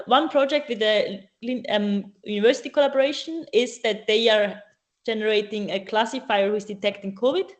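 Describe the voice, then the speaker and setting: Hesitant woman answering questions. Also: mid-range voice. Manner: hesitant, many ums and restarts. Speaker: speaker at a student AI event. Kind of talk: casual live Q&A answers.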